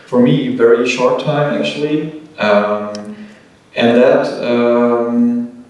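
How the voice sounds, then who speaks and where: A man speaking English as a guest at a festival talk, measured and steady with frequent fillers. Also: medium pitch. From Germany. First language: German. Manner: measured, flat delivery with fillers. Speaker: band member, guest. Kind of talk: casual panel interview. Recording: echoey hall, distant mic.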